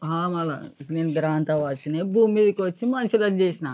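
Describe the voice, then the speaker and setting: A woman's voice: low voice, fast talker, darkish tone. A woman with a Telangana Telugu accent in casual comic banter as a guest, rambling and repeating her phrases. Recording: noisy, clicks in background.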